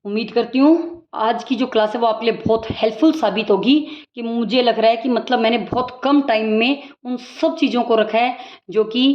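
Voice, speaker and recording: A woman teacher giving a brisk exam-prep recap lecture, explaining points with everyday examples. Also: fairly high pitch, a little mellow. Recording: dull lo-fi audio.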